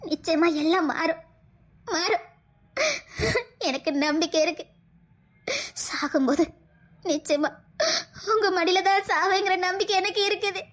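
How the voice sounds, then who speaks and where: Give me a woman playing a long-suffering devoted wife, tearful, with a Tirunelveli accent and a very high voice. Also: fairly even intonation, unhurried, long pauses, a bit bright. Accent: Tirunelveli Tamil. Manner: tearful, earnest, emotional. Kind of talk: family drama skit.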